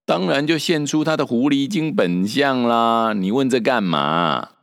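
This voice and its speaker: Cocky monkey king, a man doing it, high and brash, storybook. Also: lively intonation, unhurried, creaky, a bit bright, smooth, in a large hall. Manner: cocky, dismissive, teasing. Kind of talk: storybook character voice.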